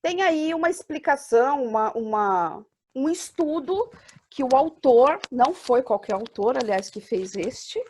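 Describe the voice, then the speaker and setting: A Brazilian woman with a fairly high voice leads an online Bible course. She explains each point step by step. She often raises a student's question and then answers it herself. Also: expressive, measured pace, darkish tone, breathy edge. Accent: Brazilian Portuguese. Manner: explanatory, asks and answers her own questions. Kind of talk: online class lecture.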